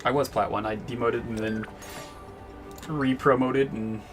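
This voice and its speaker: A young man chatting casually while playing a game, laughing often and sometimes rushing his words. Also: medium pitch, steady tone. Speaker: streamer and video creator. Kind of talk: casual gaming chat. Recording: game music under voice.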